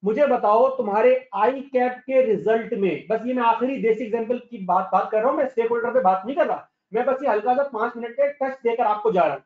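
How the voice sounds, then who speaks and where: A high-pitched male teacher with a slightly hoarse voice gives an online lecture. He is blunt and scolding and calls on his students by name. The recording is echoey and dull, like lo-fi online class audio. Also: a little fast, few pauses.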